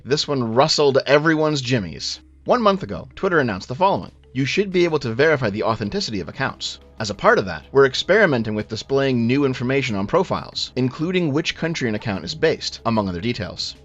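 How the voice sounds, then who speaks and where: A man giving sarcastic, profane commentary, his voice muffled by low-sample-rate audio. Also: a bit bright. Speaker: online commentator. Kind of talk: casual scripted commentary.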